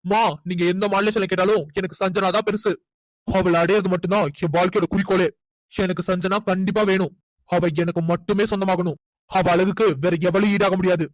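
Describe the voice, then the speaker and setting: A performer voicing a hot-tempered, possessive young man in a cartoon who shouts and demands. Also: medium pitch, little pitch movement, brisk, no room sound, lightly acted, low-quality recording. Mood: angry. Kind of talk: cartoon voice acting.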